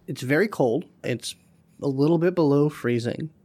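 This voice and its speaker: A man's voice: fairly high pitch, normal speed, warm tone. A man running a tabletop role-playing game as game master, narrating the scene in a loose, casual way.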